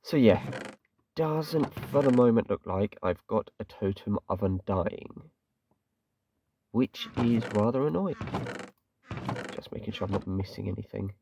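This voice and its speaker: A gaming channel host from England, a man with a lowish, creaky voice, chats casually through his game in an animated, unhurried way, pausing often. He rambles, pokes fun at himself, and leans on fillers like "kinda." He's far from the mic with a noisy background.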